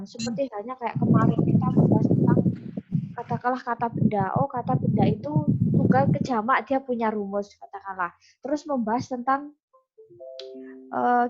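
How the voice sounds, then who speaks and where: A woman's voice: fairly high pitch, lo-fi sound, a little hiss or hum. A woman with an Indonesian accent teaching English grammar in an online class, explaining step by step with many fillers and restarts. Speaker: English lecturer.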